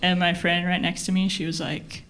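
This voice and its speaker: A woman performing stand-up comedy stories in a deadpan, halting way, with pauses, to a laughing live audience. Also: on the low side. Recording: loud noise of audience laughter. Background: crowd laughter.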